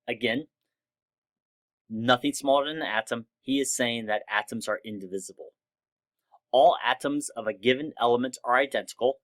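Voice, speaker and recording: Male chemistry instructor, relaxed explanatory lecture delivery, mid-pitched voice. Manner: casual, explanatory, with fillers. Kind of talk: recorded lecture over slides.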